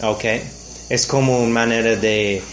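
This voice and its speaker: Canadian man interviewing in halting, second-language phrasing. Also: medium pitch, fairly even intonation, a little hiss or hum. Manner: frequent "ujú" backchannels, halting non-native phrasing. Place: outdoors at a ranch.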